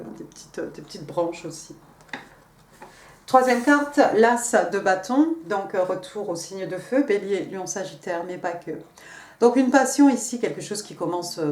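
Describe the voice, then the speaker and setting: A woman's voice: lowish voice, darkish tone, far from the mic. A woman giving a casual tarot card reading, hesitant, with many fillers and restarts. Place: room at home. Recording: roomy, from off the mic.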